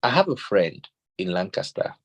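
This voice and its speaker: A man's voice: sits low, moderate pace, slightly rough, muffled recording. A Nigerian man giving a talk on parenting, telling stories, quoting scripture and acting out the dialogue. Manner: animated storyteller acting out quoted dialogue. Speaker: speaker on parenting.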